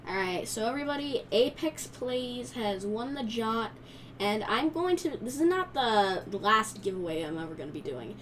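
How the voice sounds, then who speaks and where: Casual female giveaway host, highish voice, distant mic with faint noise. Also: sing-song, normal speed, very echoey. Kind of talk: casual giveaway video narration.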